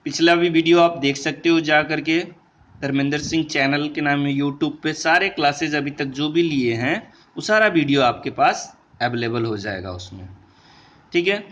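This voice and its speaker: A man's voice: on the high side, a bit bright. A male English teacher with an Indian accent who explains grammar step by step in an online revision class, mixing Hindi and English and often checking with "right?". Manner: switches between Hindi and English while teaching.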